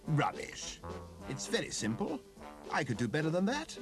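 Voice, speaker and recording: A man's voice: on the high side, wildly swooping pitch, moderate pace, over music, pitched above the performer's own voice. A man voicing a pompous, boastful male house cat who talks self-importantly.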